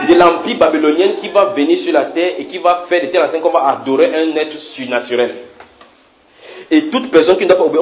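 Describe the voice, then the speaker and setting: A man teaching a sermon in a fairly high voice, full of repetitions and questions put to his listeners. The recording is dull and lo-fi, with a roomy church echo and a faint hiss. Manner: animated, repeats words, asks the congregation questions. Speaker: preacher.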